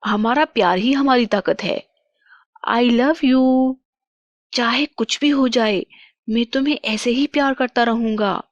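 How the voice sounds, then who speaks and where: A woman's voice: a little high, slow pace, no echo, highs cut off, pitched above the performer's own voice. A woman voicing a brave young king in a cartoon storybook, firm and commanding. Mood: loving.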